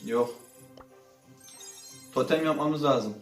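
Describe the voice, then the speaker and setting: A man doing casual gaming commentary as he opens loot boxes, swinging between low muttering and sudden loud outbursts. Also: slow pace, recorded from a distance. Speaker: gaming channel host. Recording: roomy sound from off-mic with faint music.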